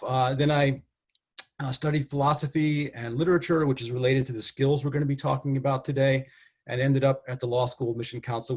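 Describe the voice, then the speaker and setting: A middle-aged man from Connecticut whose first language was Spanish, presenting a webinar as a guest expert in a friendly, conversational way with many fillers and some throat clearing. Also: mid-range voice, a little mellow. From Connecticut, US, of Cuban parents. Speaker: test director and guest presenter.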